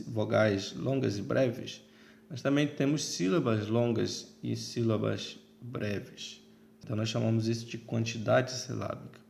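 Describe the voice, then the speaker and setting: Gravelly man teaching a lesson. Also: mid-range voice, a little mellow, slight background noise. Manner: explains step by step, checks in with "certo?". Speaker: Latin teacher. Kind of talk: recorded online lesson.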